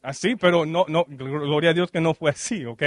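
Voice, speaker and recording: A man's voice: on the high side, no room sound, studio quality. A male minister preaching a sermon, who keeps checking in with the congregation and slips English fillers into his speech. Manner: peppers speech with quick "ok?" checks and questions to the congregation; mixes English fillers into Spanish. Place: church service.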